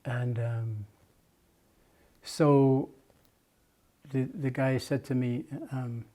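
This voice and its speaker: A man's voice: mid-range voice, steady tone, extremely slow, dark tone. An older man from Jamaica, a muralist, recalling his past at length in an oral history interview, with many restarts and fillers.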